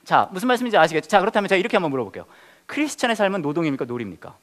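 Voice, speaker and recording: A man's voice: high-pitched, racing. A man, a pastor, leading a Bible study lesson, asking his listeners questions and joking with them. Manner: lively teacher, quizzes the group, jokes.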